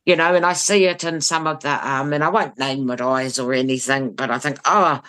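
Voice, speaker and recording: A woman's voice: very deep voice, flat delivery, a little fast, a bit bright, clear, resonant tone. A woman with a New Zealand accent giving blunt, emphatic opinions in conversation, repeating phrases for stress. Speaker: interview guest.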